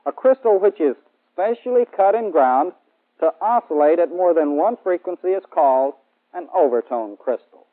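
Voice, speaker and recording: Playing a military instructor in a 1960s training film, an American man in his thirties gives a methodical, formal lecture on an indoor studio set. He speaks at a normal pace in a slightly high, animated voice, with phone-like audio from the band-limited period soundtrack.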